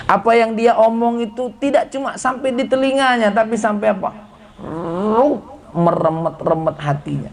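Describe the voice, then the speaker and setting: A middle-aged man, preaching a lively sermon to students and mimicking them in little dialogues. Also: high-pitched, vocal fry. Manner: animated, breaks into slow singing, mimics students in dialogue. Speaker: preacher and head of a modern Islamic boarding school. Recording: faint background noise.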